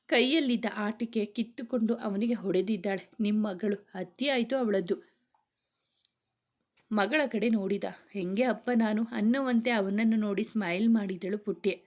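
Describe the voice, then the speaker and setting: A woman narrates a romantic family story at a steady, even pace. She reads the dialogue of every character in her own everyday voice rather than acting it out. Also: mid-range voice, normal speed. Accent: Kannada.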